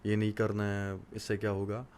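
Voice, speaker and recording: A man's voice: lowish voice, completely flat delivery, normal speed, darkish tone. A man in his twenties from Kashmir, a podcast guest, talking about hard work in an earnest, motivational way with many hesitant fillers. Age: 20s. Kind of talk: casual interview talk.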